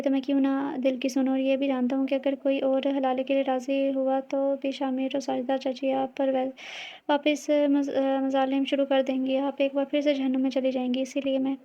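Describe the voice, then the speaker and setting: A man's voice: extremely high pitch, mellow. A woman reading as a tender, devoted young husband. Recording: dull lo-fi audio.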